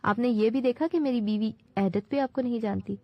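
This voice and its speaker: A woman's voice: a little high, no room sound, lightly acted. A woman voicing a scheming nobleman whose words drip venom and who barks orders at servants. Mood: cold. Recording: dull dry recording.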